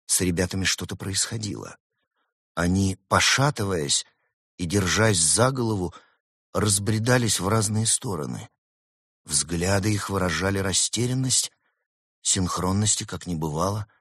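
Low husky male storyteller. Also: unhurried, no room sound, studio quality. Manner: expressive, voices the characters. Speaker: narrator. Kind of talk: storybook reading.

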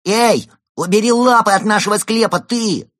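A man voicing a rude, indignant little ghost tiger cub in a storybook reading, squeaky and scolding. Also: moderate pace, a bit bright, no echo, clean studio sound. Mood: angry scolding. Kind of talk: audiobook character reading.

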